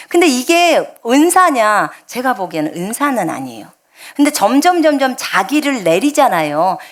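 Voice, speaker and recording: A middle-aged woman preaching a sermon as a missionary, telling stories and acting out quoted dialogue. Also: on the high side. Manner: animated storytelling, acts out quoted dialogue. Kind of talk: sermon with storytelling.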